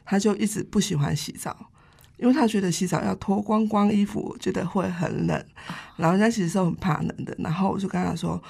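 Woman caregiver, gravelly, lively storyteller. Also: mid-range voice, brisk. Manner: lively storyteller who laughs often. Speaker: hospice caregiver. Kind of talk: interview storytelling.

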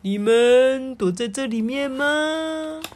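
Woman doing a loud, drawn-out clumsy doctor. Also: sits high, pitched above the performer's own voice. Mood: playful calling. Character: clumsy cheerful man, blindfolded, playing hide-and-seek.

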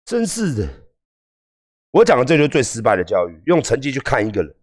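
A Taiwanese man with a Taiwanese Mandarin accent ranting on a livestream, profane and heated, swinging between calm lecturing and yelling. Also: medium pitch, fairly quick. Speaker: livestream host. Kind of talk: livestream rant.

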